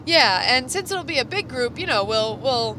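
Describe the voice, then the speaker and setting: With a high voice, lively intonation, and a normal pace, this woman co-hosts a podcast while driving, keeping the talk casual and enthusiastic. Car and road noise sit clearly behind her voice, and a crowd can be heard in the background too.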